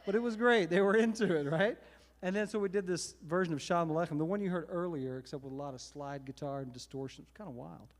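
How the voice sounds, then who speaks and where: A man from Texas with a Texan accent, a performing musician chatting between songs in quick, laughing bursts. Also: a little high, long reverb tail. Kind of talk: casual stage banter between songs. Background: guitar music.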